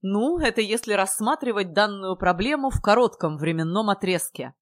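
A woman voicing a young woman who speaks in a flat, indifferent tone. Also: medium pitch, normal speed, close to an everyday voice. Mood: detached. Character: cool detached young woman.

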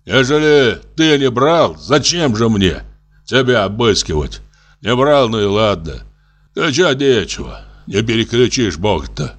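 A man voicing a calm, pious old pilgrim who talks slowly and reproachfully. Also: medium pitch. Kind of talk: audiobook character voice.

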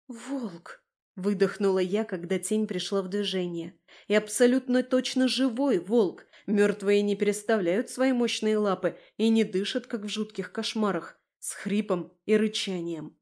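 A woman reading a first-person story aloud as an audiobook, acting out her heroine's lines with shouts and whispers. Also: medium pitch. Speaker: audiobook narrator.

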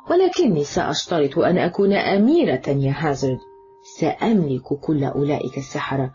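A woman playing a proud seductive cursed beauty, low mellow voice, audiobook drama, dull lo-fi with music behind.

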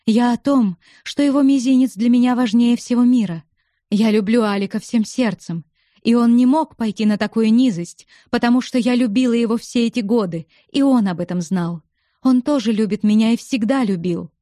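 A woman's voice: fairly high pitch, moderate pace, mellow, no echo, clean studio sound, lightly acted. Woman reading a distraught pleading young woman. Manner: pleading, emotional.

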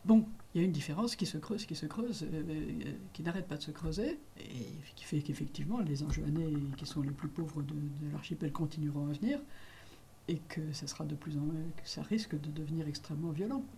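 Hesitant man with a mellow voice. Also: on the high side, a little hiss or hum. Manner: hesitant, many restarts and fillers. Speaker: interviewee. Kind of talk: radio interview.

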